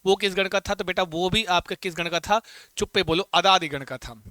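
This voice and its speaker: A man's voice: high voice, moderate pace, bright, forceful tone, dry recording. A middle-aged man teaching Sanskrit verb forms, chanting them for students to repeat and teasing them along. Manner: playful scolding, calls students beta. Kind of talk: classroom lesson with call-and-repeat drills.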